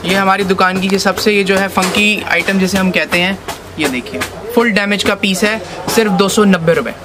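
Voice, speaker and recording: A man's voice: high-pitched, moderate pace, noisy background. A man in his thirties giving an eager, insistent sales demonstration in a shop, repeating his selling points. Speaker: wholesale jeans seller. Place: small stock-filled jeans shop, indoors.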